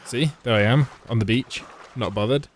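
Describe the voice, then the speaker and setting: A let's play host with a medium-pitched voice delivers sarcastic commentary while gaming, full of wry, mocking, chatty asides at a moderate pace. Game music plays beneath his voice, and there's a little hiss or hum.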